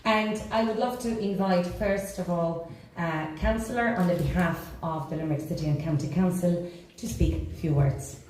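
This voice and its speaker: A woman's voice: lowish voice, moderate pace, hardly any pauses. A woman opening an arts festival as host, enthusiastic and a little hesitant with fillers. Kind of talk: event opening speech. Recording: echoey hall, voice from far off, crowd noise.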